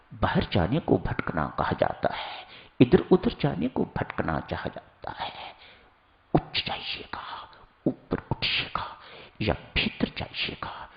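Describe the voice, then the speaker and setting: Slow, gravelly male preacher. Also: on the high side, highs cut off. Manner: slow, instructive, addresses listeners as seekers. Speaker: spiritual preacher. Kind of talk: sermon.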